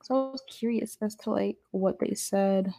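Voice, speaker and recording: A woman's voice: mid-range voice, normal speed, creaky, warm tone. A woman podcast host chatting casually on a live stream, her voice briefly washed in reverb echo. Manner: rambling and loose, many fillers. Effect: brief reverb echo on her mic.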